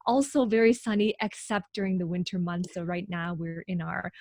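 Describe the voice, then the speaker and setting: A woman from Hong Kong, a guest on a video call interview, upbeat and quick to rephrase. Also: on the low side, steady tone, a little mellow, no room sound. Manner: upbeat, laughs often, rephrases.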